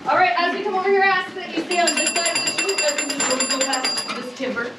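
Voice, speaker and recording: High-voiced woman guiding a mine tour. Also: fairly even intonation, quick pace, very noisy. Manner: chatty, joking, explanatory patter. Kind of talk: guided tour explanation. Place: underground coal mine tunnel.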